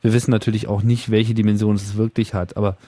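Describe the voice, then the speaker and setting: A man's voice: fairly low pitch, level tone, fast, mellow, dry recording. Man musing on air, dry close sound. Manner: thoughtful, lots of fillers and hedging words. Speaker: radio talk show host. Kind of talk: casual on-air discussion.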